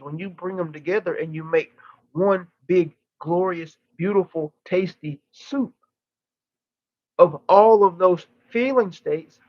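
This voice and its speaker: A man speaking as a channeling medium, giving spiritual teaching in emphatic, formal phrases broken by deliberate pauses and repetition. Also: high voice, no room sound, muffled recording. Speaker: channeler giving a live session.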